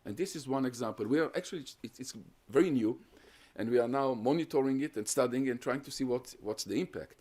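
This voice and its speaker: Speaking in an even, medium-pitched voice, a man gives an academic lecture as a guest on terrorism research and fields audience questions. Hungarian is his native language, and he works through his points one at a time in a measured, explanatory manner.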